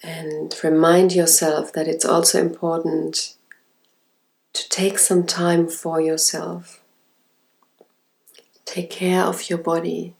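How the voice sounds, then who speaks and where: Woman, intimate ASMR relaxation host. Very unhurried, soft and soothing, with some creak in an even, lowish voice. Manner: slow, soft, sensual, soothing delivery with breathy whispered words.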